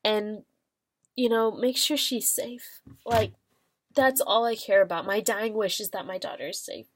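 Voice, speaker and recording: A woman voicing a devoted dying young mother who speaks softly and pleads. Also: medium pitch, fairly even intonation, unhurried, slight background noise, natural voice. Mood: pleading.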